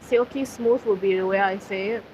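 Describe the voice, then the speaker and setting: A woman's voice: mid-range voice, fairly even intonation, normal speed, darkish tone. A woman live-streaming while eating at a food centre, chatting casually with her viewers and using lots of fillers. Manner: chatty, filler-heavy, talks to chat. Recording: slightly dull audio, faint background noise.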